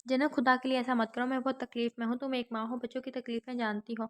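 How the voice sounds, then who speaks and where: A woman's voice: fairly high pitch, little pitch movement, close to an everyday voice. A woman voicing a remorseful young man who begs forgiveness in a pleading, broken way.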